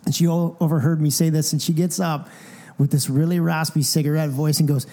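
A man co-hosting a podcast, chatting casually and telling lively anecdotes. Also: on the high side, brisk. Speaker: podcast co-host. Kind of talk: casual chat.

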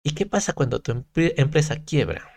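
A man guesting on a casual podcast, a content creator, speaks in a fairly high, sing-song voice at a normal pace, with a creaky, slightly mellow quality and no room sound. He is earnest and reflective, telling stories from his own life with emphasis and frequent restarts.

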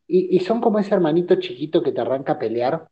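A man's voice: a little high, lively intonation, quick pace, a little hiss or hum. A man with an Argentine Spanish accent, bantering and joking in a casual chat. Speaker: podcast co-host. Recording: dull lo-fi audio.

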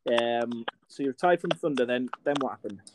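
A man in his thirties from England hosts a casual interview, chatty and friendly and full of fillers. His voice sits at an average pitch. Clear background noise and keyboard typing run under his voice. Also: fairly quick. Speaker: podcast host. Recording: noisy line with keyboard typing.

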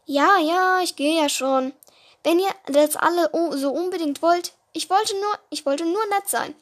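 A woman voicing a boastful, teasing older male raven cousin in a read-aloud story, loud and mocking. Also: very high-pitched, a little slow. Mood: sulky. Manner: taunting, loud and bragging.

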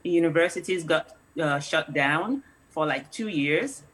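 A middle-aged woman from Nigeria, a food company founder, talks in a relaxed conversational way. She tells stories at an easy pace and laughs often. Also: low-pitched, measured pace, slight background noise, rough recording. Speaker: guest, snack company founder. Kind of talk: casual interview.

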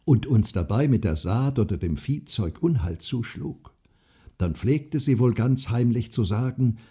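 A man voicing a frail old widow who speaks softly, earnestly and secretively. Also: medium pitch, lively intonation, unhurried, husky.

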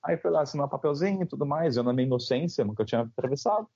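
A young man from Brazil telling a story in a casual, slangy, animated way, acting out the dialogue. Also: mid-range voice, racing, slightly rough. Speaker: podcast guest. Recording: slightly dull lo-fi sound.

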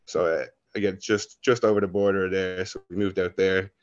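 Young irish man, very low voice, rambling and laid-back, dull dry lo-fi sound. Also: level tone, moderate pace, dry recording. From Ireland. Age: young adult. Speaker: guest. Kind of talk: casual interview storytelling.

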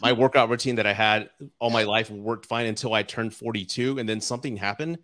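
In a low-leaning, fairly bright voice with fairly even intonation, a man in his forties hosts a live podcast interview. He speaks fairly quickly in a chatty, relaxed way, laughing frequently and going back over the same points.

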